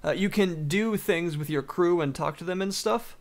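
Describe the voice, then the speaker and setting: A man's voice: high voice, moderate pace. A man giving casual, enthusiastic, rambling commentary while he plays a video game. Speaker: gaming video host. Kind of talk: casual let's-play commentary.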